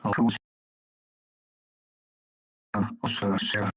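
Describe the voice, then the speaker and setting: A man from England speaks in a low, clean-edged-free, somewhat husky voice as he checks in on an amateur radio net. The signal is very narrow and breaks up in radio static. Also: flat delivery, slow pace, dry recording.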